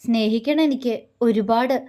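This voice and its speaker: A devoted young husband, tender and earnest with a light teasing edge, as a woman reading the story puts him on. The voice sits high, and he speaks softly in a storybook manner. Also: normal speed, natural voice. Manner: soft, earnest, gently teasing.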